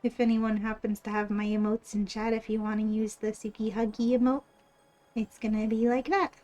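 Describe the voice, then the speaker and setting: A woman's voice: fairly high pitch, little pitch movement, normal speed, darkish tone. A woman with a cute, bubbly anime-streamer delivery, chatting casually on a livestream. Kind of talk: casual livestream chat while drawing. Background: background music.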